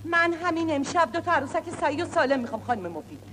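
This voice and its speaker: A sarcastic strict director. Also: female voice, high-pitched, lively intonation, fairly bright tone, a little hiss or hum. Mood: irritated. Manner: curt and sarcastic. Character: strict female director, sharp and demanding.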